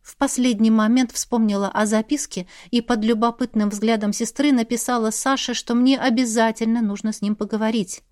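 A woman narrating a fantasy audiobook in the first person. Her reading is calm and expressive. Her voice sits slightly high. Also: brisk, hardly any pauses, no room sound, studio quality.

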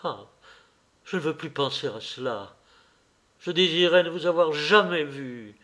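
A man's voice: on the high side, lively intonation, a little slow. A man voicing a cold, scornful young man who bitterly rejects the woman he loved, in a read-aloud novel. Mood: scornful fury. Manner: loud, cutting, contemptuous outbursts.

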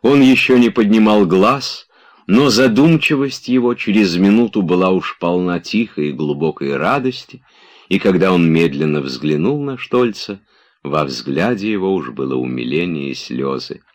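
Deep male audiobook narrator, calm and measured.

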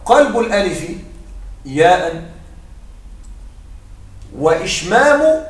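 Male teacher, high voice, patient and repetitive explaining, very echoey room, heard from a distance. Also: very animated, slow. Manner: explains patiently, repeats points, checks understanding by asking a student. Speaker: Arabic morphology teacher. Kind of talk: classroom lesson.

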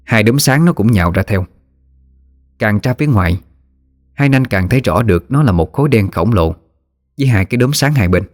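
A man with a Southern Vietnamese accent narrating a folk ghost story in a lively, vivid manner. His voice is low-pitched, with faint music beneath. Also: fairly quick, pauses often.

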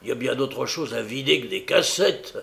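A man reading an audiobook, voicing a boastful, swaggering young man with brash, loud outbursts. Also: mid-range voice, moderate pace, creaky. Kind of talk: audiobook character voice.

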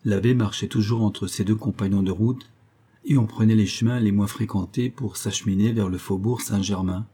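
A man narrating a historical novella as an audiobook reader, in a measured, even way. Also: fairly low pitch, breathy edge. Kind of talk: scripted narration.

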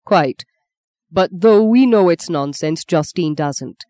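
A woman reading as a composed gentleman, firm and measured, speaking with quiet courtesy. Her voice stays lowish and mellow, recorded dry and close. It is a spoken storybook. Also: lively intonation, no room sound.

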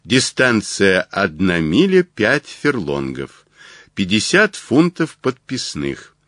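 A male narrator reads a story in an audiobook. His fairly low voice moves lively in pitch while he keeps a slow, careful pace. The recording is close and dry. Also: no room sound. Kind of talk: scripted narration.

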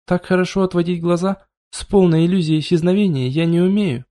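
A man narrating an audiobook in the first person, with a fairly high voice. His tone is dark and mellow, and his storytelling stays even and measured. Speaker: audiobook reader.

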